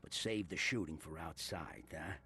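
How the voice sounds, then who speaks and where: Gravelly, surly barkeep. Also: male voice, extremely low pitch, moderate pace, pushed and bright, exaggerated voice. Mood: grudging. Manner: gruff, guarded. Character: surly, grudging male barkeep hostile to newcomers. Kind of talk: video game character acting.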